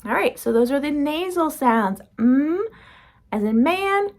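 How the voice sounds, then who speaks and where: A woman teaching beginner phonics, slowly demonstrating each speech sound and how the mouth makes it. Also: high-pitched, very animated. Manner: slow, careful demonstrating of sounds. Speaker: reading and spelling teacher. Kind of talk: phonics lesson.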